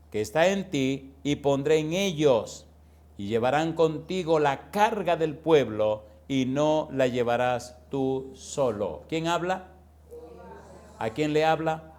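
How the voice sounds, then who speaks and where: A man preaching a sermon, firing rhetorical questions at the congregation and calling listeners pet names. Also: a little high. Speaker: pastor.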